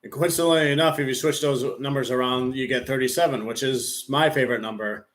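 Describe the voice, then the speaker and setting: Man, live streamer, casual game commentary, rambling, filler-heavy, middle pitch. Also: fast. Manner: relaxed play-by-play narration.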